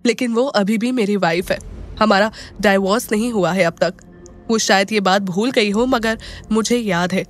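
A woman's voice: medium pitch, moderate pace, soft background music, lightly acted. A woman voicing an angry, remorseful young husband in an audio drama, talking in a heated, pleading way. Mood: bitter.

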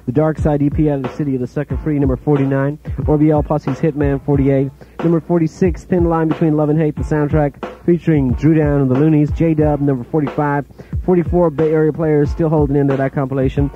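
A man hosting a hip hop countdown on a pirate radio broadcast, rattling off chart entries in quick, clipped fragments. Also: fairly high pitch, little pitch movement, highs cut off. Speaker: radio DJ and host. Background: music playing under the voice.

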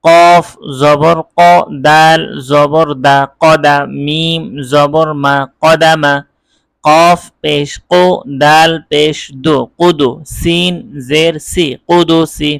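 A male Quran teacher leads a recorded spelling lesson, sounding out each letter and vowel mark slowly and distinctly. His voice sits a little high for a man. The recording is dry and close, with no room sound. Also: flat delivery, creaky, fairly bright tone, clean tone, no echo. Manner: quick, explanatory talk between the drills.

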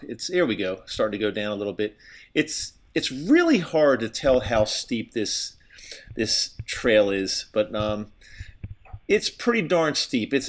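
A middle-aged man, out of breath, giving stop-and-start commentary while skiing outdoors, recorded on a helmet camera. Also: lowish voice. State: winded from exertion. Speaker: skier filming with a helmet camera. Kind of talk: casual narration while skiing. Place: outdoors on a steep ski slope. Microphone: helmet-mounted camera.

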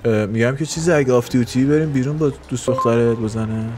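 A man's voice: medium pitch, over music. A man streaming a crime game, improvising crude, flirtatious role-play banter and often laughing.

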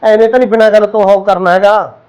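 Man playing a fast-talking aggrieved son. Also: high voice, little pitch movement, a little mellow, clear, resonant tone, close to an everyday voice. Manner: rapid, insistent, complaining. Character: young man, aggrieved son working night duty. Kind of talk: Punjabi short film acting.

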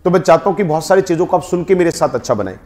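Indian teacher drilling a classroom. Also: male voice, on the high side, animated, racing, mellow. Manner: drills the class, prompting them to repeat words. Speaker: English teacher. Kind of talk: classroom spoken English lesson. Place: classroom with students.

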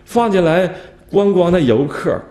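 Lively man lecturing. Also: sits high, measured pace. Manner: animated, chuckles at his own anecdotes, asks and answers rhetorical questions. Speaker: history professor giving a lecture. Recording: roomy lecture hall echo.

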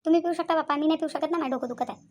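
A woman voicing complaining rural women of a joint family in a cartoon, with a Vidarbha Marathi accent and a quick, chattering manner. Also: sits high, a little mellow, lightly acted. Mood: worried. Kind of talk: cartoon voice acting.

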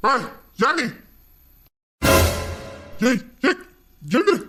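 A woman voicing a gruff, threatening male businessman who barks commands in an animated story. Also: sits high, extremely slow, soft background music, full character voice. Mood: shouting. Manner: barking, menacing commands.

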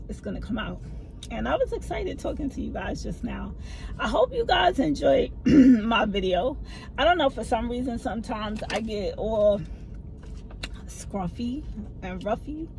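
Sitting inside her parked car, this middle-aged woman, whose family is from the American South, shares a storytime vlog to a phone camera mounted before her. She gestures expressively, her low, creaky voice unhurried and sometimes hard to hear. The audio quality is poor.

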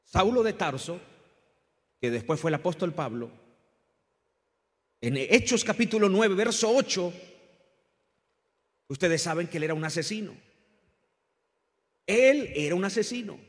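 A man's voice: animated, a little slow, pauses often, husky. A man preaching a sermon to a congregation, with passionate rises and drops in his delivery and calls for them to repeat after him. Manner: impassioned preaching, rising and falling in pitch and volume. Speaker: pastor. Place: church hall. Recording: long church reverb.

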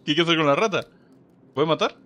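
A man with a Spain Spanish accent, a streamer giving excitable co-op let's play commentary. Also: a little high, fast. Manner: excitable, yelps and laughs a lot. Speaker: streamer and gaming YouTuber. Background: game music.

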